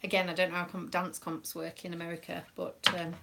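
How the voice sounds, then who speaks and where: The audio is very noisy as this British woman, a craft live-streamer and proud dance mum, chats on her stream. Her low voice is completely flat and brisk, with vocal fry, and her talk is rambling and packed with ums.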